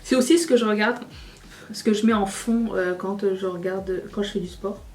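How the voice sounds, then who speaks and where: A woman's voice: mid-range voice, fairly even intonation, moderate pace, a little mellow, distant mic. A woman chatting casually while doing her makeup, rambling and self-mocking. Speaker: beauty youtuber. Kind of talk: casual get-ready-with-me chat.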